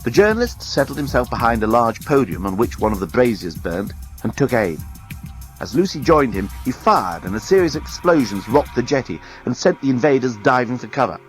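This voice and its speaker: A man reading a science fiction story aloud as a storyteller, expressive and dramatic. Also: medium pitch, fairly quick, faint music behind. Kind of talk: read-aloud story narration.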